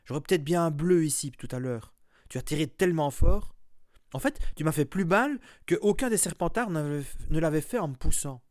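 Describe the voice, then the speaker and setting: A man's voice: fairly high pitch, lively intonation, brisk, darkish tone, no echo, clean studio sound, voice pushed up, natural voice. A man doing a timid, shaky-voiced boy. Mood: reproachful. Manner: small, shaky voice. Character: timid, frightened boy of eleven.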